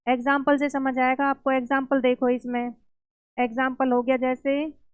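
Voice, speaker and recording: A woman teaching an exam-prep grammar lesson, explaining slowly step by step and asking and answering her own questions. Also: high-pitched, level tone, clear, resonant tone, soft background music.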